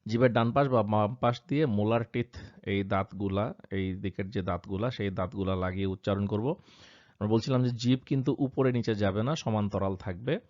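A man's voice: on the low side, darkish tone. A man, patiently teaching Quranic pronunciation and repeating example sounds aloud. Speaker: tajweed teacher. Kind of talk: explanatory lesson. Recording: dull lo-fi sound.

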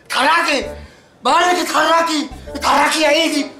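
An actor playing a melodramatic young man high on hashish, wailing in panic with an Egyptian accent. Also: steady tone, fast, bright, forceful tone, full character voice. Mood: panicky whining. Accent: Egyptian Arabic. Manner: wailing, breathless complaints. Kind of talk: TV comedy drama acting.

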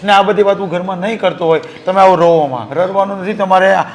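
A high-voiced, soothing grown son. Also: male voice, fast. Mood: reassuring. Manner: reassuring, earnest. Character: caring grown son soothing his mother.

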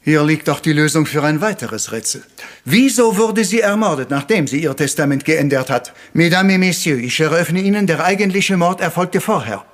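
In a retro German crime radio play, a man voices Hercule Poirot, the polite, theatrical little Belgian detective, patient and self-assured, in a high, natural, expressive voice. He sounds dramatic and explanatory, courteous and deliberate, peppering his speech with French words, with music under his voice.

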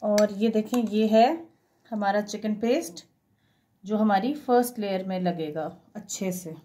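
A woman explains a home recipe step by step in a warm, mid-range voice, going a little slowly. The voice-over is conversational and instructional, with English words woven into her speech.

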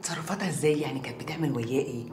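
A woman's voice: deep voice, rapid-fire, echoey room, over music, natural voice. An actress playing a doting, nosy woman who coaxes a man to open up, speaking expressively with an Egyptian accent. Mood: coaxing. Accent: Egyptian Arabic. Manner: coaxing, expressive.

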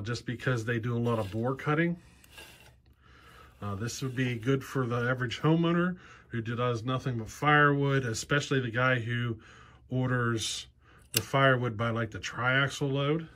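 A chainsaw channel host in his forties explains things casually and practically, his plain speech dotted with ums and you-knows. He has a mid-range, fairly bright voice at a normal speed, recorded on a close handheld camera in a cluttered indoor workshop garage.

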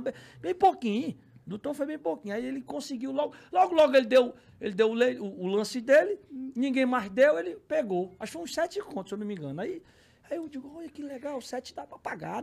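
A man with a Cearense accent, a podcast guest telling a story, acting out voices and shouting the bids. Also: extremely high pitch, creaky, breathy edge. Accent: Cearense Brazilian Portuguese. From Ceará, Brazil. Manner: acts out others' voices, shouts bids, laughs while telling. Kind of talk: animated storytelling.

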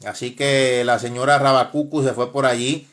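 A man's voice: medium pitch, level tone, normal speed, a bit bright. A man hosting a live stream, casually commenting in a mocking, laughing way, with frequent exclamations.

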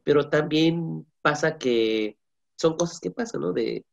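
A man, a parent and guest, speaking in a measured, reflective way and often ending with a tag question. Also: a little high, vocal fry, lo-fi sound. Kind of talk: casual panel chat.

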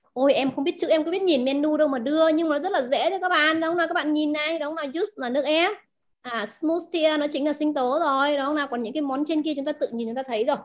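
High-voiced woman teaching a class. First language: Vietnamese. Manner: asks the class questions, repeats key words. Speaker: language teacher.

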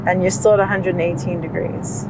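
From the passenger seat of a moving car, a woman in her thirties co-hosts a vlog, casually narrating a road trip. Her voice is on the low side and fairly quick, with steady road and cabin noise throughout.

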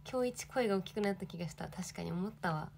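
A woman's voice: lowish voice, quick pace, creaky, background noise. A young woman in her twenties, an idol livestreaming, chatting casually and reading viewer comments with giggly, bubbly energy.

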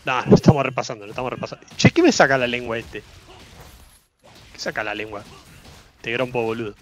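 A man with a Rioplatense Spanish accent giving excitable live gameplay commentary as a streamer, swearing casually and repeating his phrases. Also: mid-range voice, brisk, a little hiss or hum.

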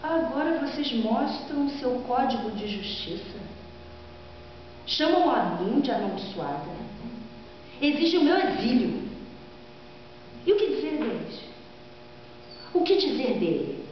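A woman's voice: on the high side, sing-song. Woman acting a proud, vengeful queen, very echoey. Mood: defiant, indignant. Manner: theatrical, declamatory, emphatic dramatic reading with drawn-out phrases. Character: proud, vengeful queen who killed her husband, defiant and gloating. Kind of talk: dramatic stage reading of Greek tragedy. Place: large classroom or lecture room, indoors. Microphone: far camera microphone. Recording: echoey hall from afar, dull sound, mains hum.

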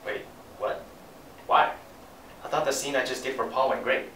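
A young man in an amateur student skit plays an earnest, frustrated actor. His voice is bright and forward. It sounds recorded in an echoey room from a little way off, with faint noise behind. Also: mid-range voice, normal speed. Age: young adult. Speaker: student actor playing an auditioning actor. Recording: roomy, distant, faint noise.

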